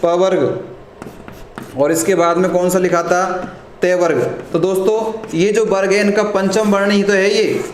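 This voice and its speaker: A man teaching a live online lesson, asking the class questions and answering them himself, often clearing his throat. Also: high-pitched, little pitch movement, measured pace. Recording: echoey room with faint noise.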